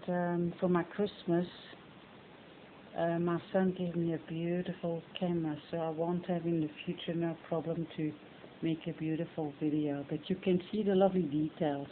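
A woman's voice: fairly low pitch, level tone, normal speed. Chatty Flemish-accented woman on a tinny phone. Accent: Flemish Belgian. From Belgium. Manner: chatty and rambling, fond of the word lovely. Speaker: reborn doll hobbyist. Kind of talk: casual home vlog. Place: bedroom at home. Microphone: phone camera on a stand. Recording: tinny noisy cell phone recording.

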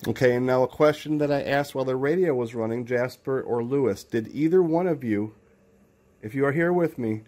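A man's voice: medium pitch, a little fast, darkish tone. A man, middle-aged, talking informally and ramblingly as he hosts a homemade video, recorded indoors on a handheld camera. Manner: informal, rambling, talks to himself. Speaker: video host. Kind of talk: casual vlog narration with questions called out to spirits. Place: indoors by a window in a room. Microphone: handheld camera, speaker off screen.

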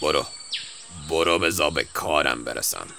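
Deep pompous cartoon weasel. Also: male voice, creaky, sharp tone, slight background noise, heavily acted. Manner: smug, self-important, rhyming bragging, panicky when exposed. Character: pompous male weasel posing as an official.

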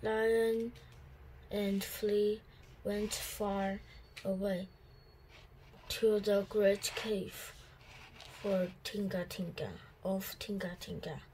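A woman reading a picture book aloud as a student, slowly and carefully with small slips. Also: medium pitch, flat delivery, a little mellow, slight background noise, rough recording. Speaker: student reader.

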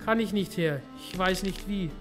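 A man's voice: sits high, moderate pace, music in the background, voice pushed up, lightly acted. A man voicing a twelve-year-old peasant boy, naive and cheeky, in a game book read aloud.

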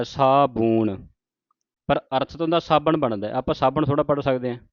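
A man teaching how to pronounce scripture lines. He recites each verse very slowly and deliberately, then explains it in plain conversational speech. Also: a little high, no room sound, muffled recording. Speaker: Gurbani pronunciation teacher.

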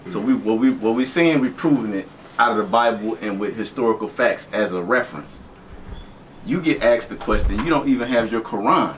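A man's voice: medium pitch, a bit bright, far from the mic, slight background noise. A man confronting his opponents in a street debate, firing challenging questions.

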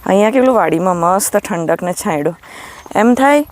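A Gujarati woman chatting casually in a vlog, often calling to her child and her cows in a high, coaxing sing-song voice, outdoors on a farm. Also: lively intonation, a little fast, a little mellow. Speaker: vlogger and mother.

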